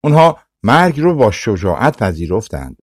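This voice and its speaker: A man's voice: on the low side, very animated, darkish tone, slightly rough, no room sound. Male audiobook narrator, dry studio sound. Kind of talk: scripted storybook narration.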